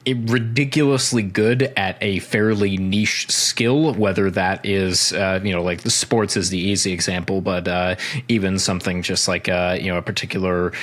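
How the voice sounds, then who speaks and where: Male podcast co-host, low voice, loose rambling delivery full of fillers. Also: steady tone, normal speed, fairly bright tone. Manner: rambling, many filler words. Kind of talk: casual podcast chat.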